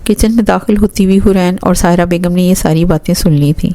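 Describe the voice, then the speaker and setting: Mellow woman reading a romance novel. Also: fairly low pitch, fairly even intonation, no echo, poor audio. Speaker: storyteller. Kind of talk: scripted novel narration.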